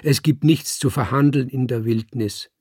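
A man's voice: medium pitch, normal speed, a little mellow, slightly rough, no echo, clean studio sound, lightly acted. A man reading a cold young woman.

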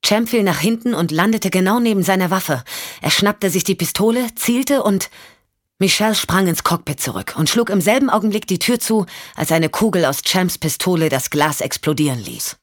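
A woman narrating a thriller audiobook in steady, measured storytelling. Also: mid-range voice, no echo, studio quality.

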